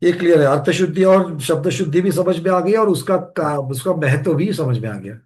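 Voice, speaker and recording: A man's voice: fairly high pitch, lively intonation, moderate pace, a little mellow. A man in a scripture class who respectfully asks questions and restates ideas to check his understanding. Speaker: student asking questions. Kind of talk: question-and-answer discussion.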